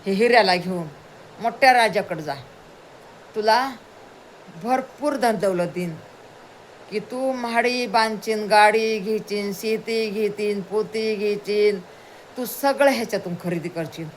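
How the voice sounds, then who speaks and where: A woman's voice: medium pitch, measured pace, pauses often, slight background noise, natural voice, poor audio. A woman voicing a wise male elder who gives instructions and lists promises. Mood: instructing.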